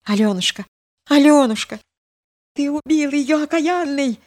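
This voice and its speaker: Woman doing a hoarse frightened old holy fool. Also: sits high, normal speed, darkish tone, pitched above the performer's own voice, natural voice. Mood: alarmed. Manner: alarmed, fretful.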